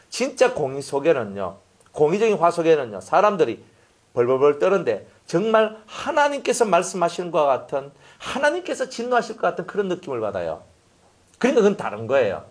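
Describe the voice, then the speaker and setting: A middle-aged male pastor preaching a sermon in an animated way, acting out little scenes with voices. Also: on the high side.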